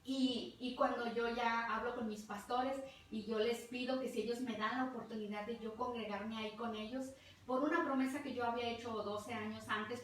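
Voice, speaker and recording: A woman's voice: on the high side, a little hiss or hum. A middle-aged woman with a Mexican accent, preaching a fervent testimonial sermon and repeating words for emphasis. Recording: very echoey hall, distant mic, faint ambience.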